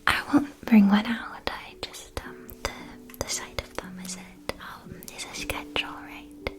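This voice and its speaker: This fantasy ASMR roleplay has a woman as a gentle witch shopkeeper, whispering softly and breathily at a measured pace. She's careful and politely attentive over each phrase, lightly acted, and comes across as polite and hesitant.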